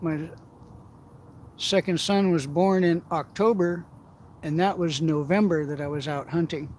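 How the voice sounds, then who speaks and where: A middle-aged man with a fairly high voice spins rambling, profanity-laced anecdotes and often laughs between them. He sits outdoors by the water, and a faint outdoor hiss runs under his voice. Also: fairly even intonation, measured pace, a little mellow. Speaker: outdoors vlogger. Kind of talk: casual storytelling while shore fishing.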